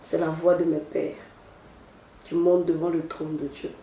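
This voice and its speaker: A woman's voice: low voice, level tone, dark tone, reverberant, a little hiss or hum. A singer, giving a solemn, devotional testimony in an interview at her home. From Côte d'Ivoire. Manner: slow, solemn, devotional phrasing. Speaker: gospel singer, interview guest.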